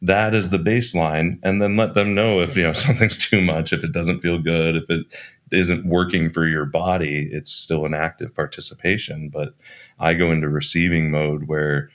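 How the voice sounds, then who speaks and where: Calm deep-voiced man. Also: normal speed. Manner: calm, reflective, laughs easily. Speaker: podcast guest, bodyworker. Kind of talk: casual conversation.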